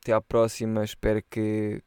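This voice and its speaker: A man's voice: lowish voice, monotone, normal speed, mellow, clear, resonant tone, no echo. A young man chatting casually on a solo podcast, rambling in loose slang and swearing freely. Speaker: podcast host.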